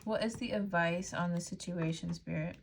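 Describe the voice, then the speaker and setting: A woman's voice: on the low side, steady tone, normal speed, vocal fry, slight background noise. A woman giving a casual tarot reading straight to her viewers, chatty and loose, full of "like" and "um". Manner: chatty, frequent "like" and "um", laughs easily. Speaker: tarot reader.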